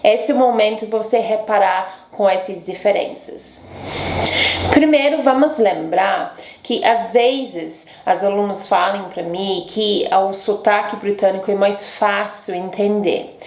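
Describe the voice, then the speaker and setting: A woman's voice: medium pitch, measured pace, a little mellow, reverberant. A woman from London, a native English speaker with an English accent, teaching an online English lesson in Portuguese and checking in with "ok?" as she explains. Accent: English, close to RP, speaking Portuguese as a second language. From England, London. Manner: explains patiently, often checks in with "ok?".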